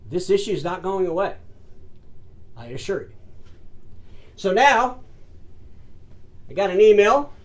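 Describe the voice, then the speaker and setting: Speaking solo to camera on his industry commentary show, this man addresses viewers as "folks" and "ladies and gentlemen" in an emphatic manner, frequently repeating himself and starting sentences over. His voice is high and sing-song, a little slow, with long pauses.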